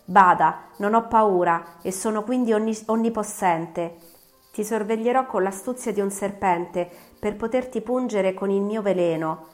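A woman's voice: lowish voice, normal speed, soft background music, close to an everyday voice. A woman voicing a bitter, vengeful male creature in an audiobook, declaiming his threats with force. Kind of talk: audiobook reading.

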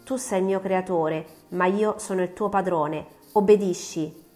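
A woman's voice: medium pitch, fairly even intonation, measured pace, darkish tone, faint music behind, natural voice. A woman voicing a bitter, vengeful male creature in an audiobook, declaiming his threats with force. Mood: menacing. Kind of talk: audiobook reading.

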